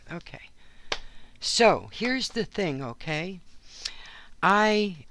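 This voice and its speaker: As she plays in a journal at her craft table, a regular channel host talks in a low, hoarse, tired-sounding voice with a fairly bright tone. Her chat is rambling and full of asides and ums, recorded in her home craft studio with no room sound.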